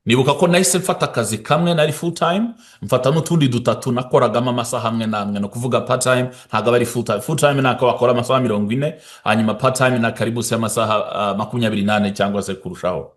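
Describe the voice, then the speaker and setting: A man who speaks and interprets, talking fast and often stopping to restart his words. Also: medium pitch.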